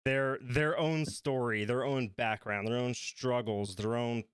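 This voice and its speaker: Man in his 30s, smooth clear voice, dry close sound, animated casual podcast chat. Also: medium pitch, unhurried, dry recording. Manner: animated, laughs easily, chatty. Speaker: podcast co-host.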